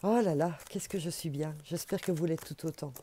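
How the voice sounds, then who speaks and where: Low-voiced Belgian woman reading oracle cards. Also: moderate pace, warm tone, slight background noise. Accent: Belgian French. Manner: chatty, encouraging, repeats for emphasis. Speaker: intuitive oracle card reader. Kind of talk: casual spiritual card reading to camera.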